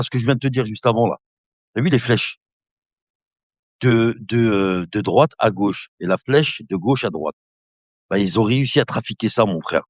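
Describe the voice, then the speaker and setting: Chatting on a relaxed live stream, a fifties-aged man keeps calling his viewers brother, rambles easily and laughs a lot. His voice is lowish, and the dull, lo-fi recording is dry with no room sound.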